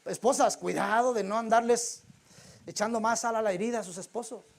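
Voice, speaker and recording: A man's voice: high voice, fairly even intonation, brisk, creaky. A man preaching a sermon in a church, telling the story in a colloquial, humorous way.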